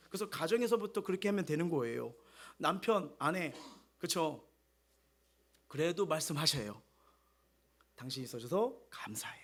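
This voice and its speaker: Male pastor, middle-aged, Sunday sermon; high voice with a wide, animated range. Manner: animated preaching, swings between loud exhortation and soft quoted asides.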